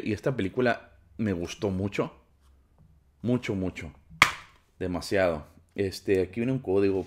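A young man with a Mexican Spanish accent talks in a very deep, low voice. He chats loosely and slangily as he unboxes films for a casual vlog. A faint hiss of noise sits behind him. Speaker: YouTuber unboxing movies.

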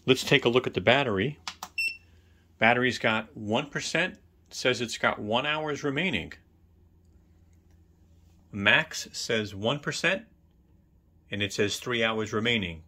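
A man's voice: medium pitch, animated, unhurried, long pauses, pushed and bright. A man giving a casual tech product review, chatting straight to the viewer.

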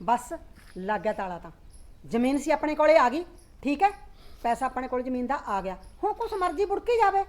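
A woman's voice: high voice, big pitch swings, fairly quick. A woman with a Punjabi accent playing a stern middle-aged mother who scolds her daughter. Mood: satisfied. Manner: sharp, dismissive, scolding. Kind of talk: village drama acting.

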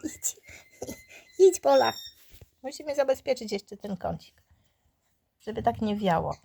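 A woman's voice: on the high side, lively intonation, normal speed, vocal fry, mellow, husky. A woman, a dog breeder, chatting casually to her puppies in affectionate baby-talk, often dropping to a whisper. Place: indoors at a puppy pen.

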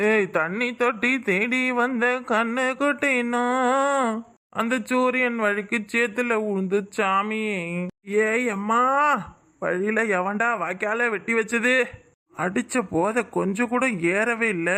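Drunk cartoon dad, slurred and drawling, strikingly high voice, bright tone, southern Tamil Nadu accent, as a man plays him. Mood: drunken grumbling. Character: drunk, scheming village father. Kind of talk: cartoon voice acting.

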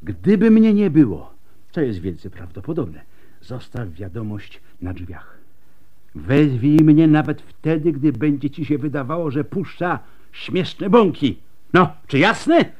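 A male actor voices a scarred, world-weary plague doctor for a radio drama, blunt and gruff, insistent and emphatic, tinged with bitter resignation. He pitches his voice on the high side in an exaggerated, slow, sing-song way, and the recording sounds muffled.

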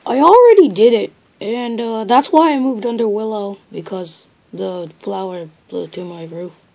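Someone putting on a swooping, creaky lady owl. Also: mid-range voice, expressive, measured pace, a little mellow, voice pushed up. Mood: nonchalant.

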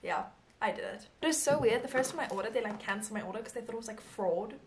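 A woman's voice: fairly high pitch, lively intonation, rapid-fire, a little hiss or hum. A young South African woman vlogging in a bubbly, gushing way, talking to a small handheld camera. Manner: bubbly, gushing, lots of fillers. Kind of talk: casual chat to camera.

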